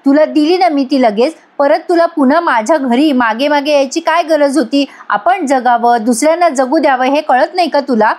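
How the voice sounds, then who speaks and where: A woman's voice: sits high, moderate pace, few pauses, lightly acted. A woman voicing a stern, angry man who speaks firmly and with authority. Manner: stern, shouting.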